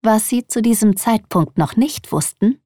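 A woman narrating a children's audiobook in an expressive reading voice. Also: on the high side, measured pace, dry recording, clean studio sound.

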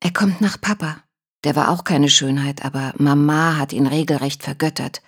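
A woman's voice: low voice, fairly even intonation, normal speed, slightly rough. A woman reading as a breezy young daredevil. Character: daring, cheerful young man, dancer.

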